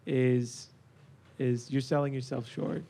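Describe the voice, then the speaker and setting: A man's voice: mid-range voice, fairly even intonation, takes it slowly, vocal fry, warm tone, a little hiss or hum. Earnest man making a point on a podcast. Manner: earnest, emphatic, many fillers. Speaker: podcast host. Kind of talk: casual faith discussion.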